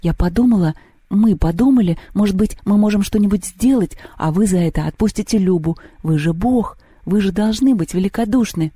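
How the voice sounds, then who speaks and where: A man's voice: sits high, fairly quick, mellow, slightly rough, no room sound, voice pushed up. A man voicing an earnest, anxious young girl pleading for a friend in a storybook reading.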